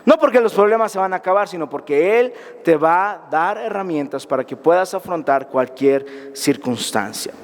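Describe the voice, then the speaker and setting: A man's voice: high voice, animated, moderate pace, few pauses. A man preaching a sermon as pastor, emphatic and firing repeated questions at his congregation. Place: church hall. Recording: reverberant church hall.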